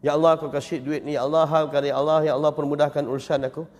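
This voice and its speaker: A pleading, repetitive voice of an ordinary worshipper murmuring prayers over a donation box, as a Malaysian man acts him out. The voice sits lower than the speaker's usual lecturing pitch. A long mosque-hall reverb trails every phrase. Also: level tone, fast, a little mellow, lightly acted.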